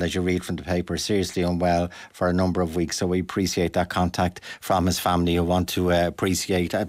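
An Irish man hosting a radio phone-in conversationally, with halting, repeated, emphatic phrases. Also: fairly low pitch.

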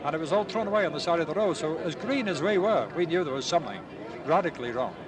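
An older man from Ireland recounts old memories in a plain, halting manner. His voice sits a little high and comes from some way off the mic, with a crowd murmuring all around outdoors. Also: lively intonation. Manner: plain, unhurried storytelling with hesitations. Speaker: war veteran interviewee. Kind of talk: recalling memories in an interview. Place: outdoors at a busy city gathering. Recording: distant mic, crowd noise behind.

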